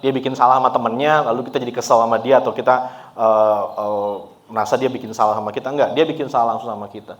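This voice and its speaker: A man preaching at a church service with an easygoing, conversational manner. His voice sits at an ordinary middle pitch, and he talks to the congregation as if chatting with friends, dropping English words into his speech. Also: quick pace. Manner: relaxed and chatty, laughs often, mixes in English words. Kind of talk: conversational sermon.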